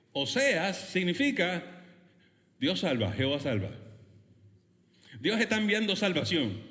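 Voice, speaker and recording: A man preaching a sermon as pastor, with impassioned delivery that moves between hushed low passages and loud, high outbursts. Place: church service in a school building. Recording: reverberant church hall.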